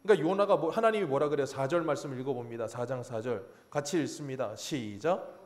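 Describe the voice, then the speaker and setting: A man's voice: mid-range voice, brisk. A man pastor preaching a sermon, acting out the voices of biblical figures and chuckling at himself. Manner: animated preaching, acts out God's and Jonah's lines, chuckles at himself.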